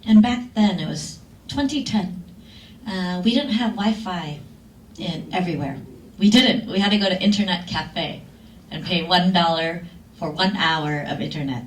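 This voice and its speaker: A film director, a woman, telling a lively, laughing story to an audience at a screening Q&A. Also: lowish voice, normal speed. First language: Lao. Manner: lively, laughing, acts out quotes. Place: cinema hall. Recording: echoey hall, far from mic, faint noise.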